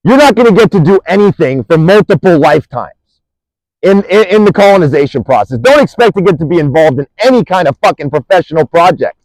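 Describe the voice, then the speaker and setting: Guy ranting furious and cursing, high voice, super dry close sound, keeps restarting his sentences. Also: animated, fast talker, darkish tone, no echo, low-quality recording. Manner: furious, profane, accusing; rambling, restarts mid-sentence. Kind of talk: angry monologue rant.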